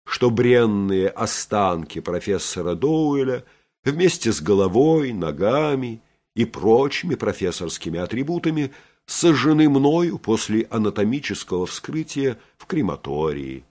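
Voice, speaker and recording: A cold, menacing middle-aged surgeon, read by a man in a low voice that still rises and falls with feeling. He delivers threats and orders slowly and deliberately, like a storybook villain. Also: very animated, a little mellow. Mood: threatening. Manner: threatening, commanding.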